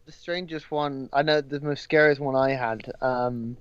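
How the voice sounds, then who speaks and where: A man's voice: medium pitch, fairly even intonation, a little slow, clear, resonant tone, dry recording, lo-fi sound. A young man, a podcast guest, talking casually with lots of ums and the odd swear word.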